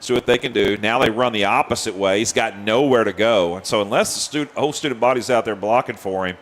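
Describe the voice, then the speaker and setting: Excitable play-by-play man. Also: on the low side, fast. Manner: excitable, laughs often, chatty. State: winded. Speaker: play-by-play announcer. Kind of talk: high school football commentary.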